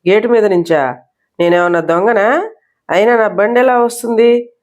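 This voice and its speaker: A woman's voice: mid-range voice, moderate pace, a little mellow, highs cut off, natural voice. A woman reading a storybook voicing an irritated, blunt young man who grumbles impatiently.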